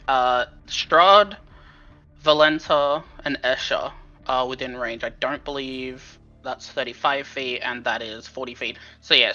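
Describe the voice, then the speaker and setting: A man's voice: mid-range voice, bright, forceful tone. A man playing a tabletop game who explains the rules methodically. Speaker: player. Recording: dull sound, faint music.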